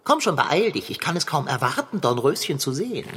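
A woman voicing a bossy know-it-all male cat in a children's radio play, with a husky voice and a theatrical, commanding manner. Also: low-pitched, big pitch swings, a little fast, fairly bright tone, big-room sound, full character voice. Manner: bossy, theatrical, ordering about.

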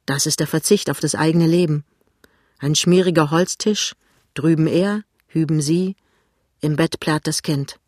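An audiobook narrator reading a novel aloud with lively, dramatic phrasing on a close mic. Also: medium pitch, measured pace, no echo.

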